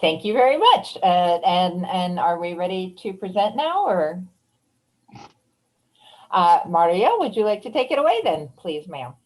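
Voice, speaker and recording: Polite low-voiced woman hosting introductions. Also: sing-song, a little slow, poor audio. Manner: polite, formal, gracious. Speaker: meeting facilitator. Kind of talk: online meeting introductions.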